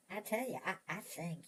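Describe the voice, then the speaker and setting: An actor playing an excitable, chatty old prospector with an American Old West drawl, stammering and rambling in a Western audio drama. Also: male voice, high-pitched, measured pace, heavily acted. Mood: puzzled, folksy. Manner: rambling, stammering, repeats words, chuckling old prospector talk.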